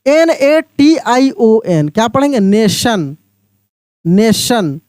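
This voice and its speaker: A man teaching an English pronunciation lesson, spelling words out letter by letter and repeating each one slowly while quizzing his viewers. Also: extremely high pitch, big pitch swings, a little mellow, smooth, dry recording, studio quality.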